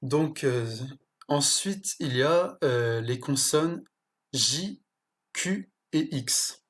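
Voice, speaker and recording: A teacher slowly explaining pronunciation, pausing often and correcting small slips along the way. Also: medium pitch, animated. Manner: slow, careful explanation with pauses and self-corrections. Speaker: language teacher.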